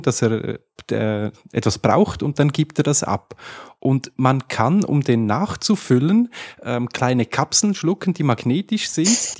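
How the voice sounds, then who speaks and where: A man's voice: mid-range voice, a little mellow. A man with a Swiss German accent hosting a podcast interview, asking questions casually and sometimes searching for words. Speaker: podcast host.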